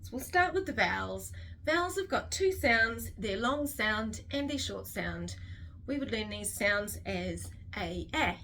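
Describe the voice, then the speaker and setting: With lively intonation and a measured pace, a woman's medium-pitched, fairly bright voice delivers a slow, structured phonics tutorial, with a little hiss or hum audible. She is a New Zealand-accented literacy teacher carefully sounding out each letter sound.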